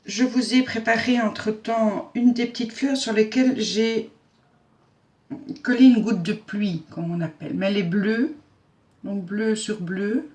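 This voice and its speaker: A woman with a chatty, homely manner walks viewers through a craft project step by step. She narrates while her hands are busy, fills pauses with small fillers, and jokes about herself along the way. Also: medium pitch, fairly even intonation, darkish tone. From Belgium. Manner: self-mocking humor. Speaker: craft tutorial host. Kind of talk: casual step-by-step craft tutorial.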